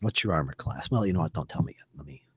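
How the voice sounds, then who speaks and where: A man narrating a one-on-one tabletop game as game master, in a loose, halting way with many fillers. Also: very deep voice, animated, heavy background noise.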